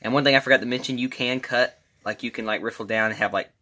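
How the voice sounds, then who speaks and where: A man's voice: mid-range voice, fairly even intonation, fast talker, bright, forceful tone. A man giving a casual, informal step-by-step tutorial as an amateur magician, talking directly to his viewers. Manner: informal, addresses viewers as guys.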